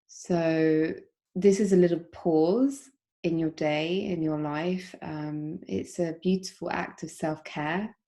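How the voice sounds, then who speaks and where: A woman yoga teacher introducing a guided meditation, talking in a gentle, unhurried way with frequent soft pauses and ums, over a video call. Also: low-pitched, steady tone.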